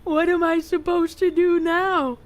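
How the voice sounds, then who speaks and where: A woman's voice: very high-pitched, level tone, measured pace. A woman voicing an anxious, dim young man who has been left alone, talking in a frightened, pleading ramble. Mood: scared, pleading.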